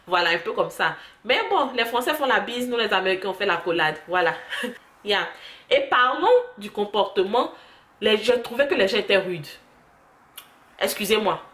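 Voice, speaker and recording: A young woman vlogger telling stories to the camera in a chatty, animated way. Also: mid-range voice. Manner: chatty storytelling, animated asides. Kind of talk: casual chat to camera. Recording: echoey room.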